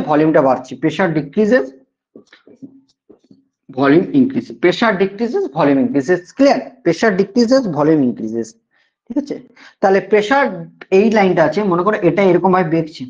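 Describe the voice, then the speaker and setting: Very animated and quick, a high-voiced man with a Bengali accent delivers a classroom lecture on dull, lo-fi audio. He goes over key points again and regularly makes sure students keep up.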